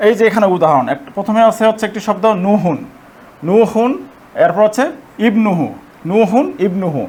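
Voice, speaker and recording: A man teaching Arabic grammar in a patient, step-by-step way. He repeats his points, keeps checking that listeners follow, and slows down to spell out the Arabic examples syllable by syllable. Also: high voice, a little mellow, a little hiss or hum. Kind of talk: explanatory lesson.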